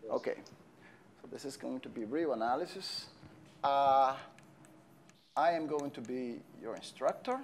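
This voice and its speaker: A man's voice: mid-range voice, slight background noise. Brazilian-born man lecturing in an empty hall. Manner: friendly, halting with fillers, pauses while writing on the board. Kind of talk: university lecture. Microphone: lapel.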